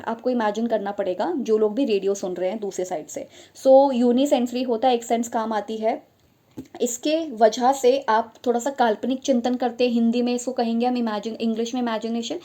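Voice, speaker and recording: A woman's voice: a little high, warm tone. A young adult woman tutoring for teaching exams, explaining step by step in a spoken lesson, often repeating her points and slipping in English phrases.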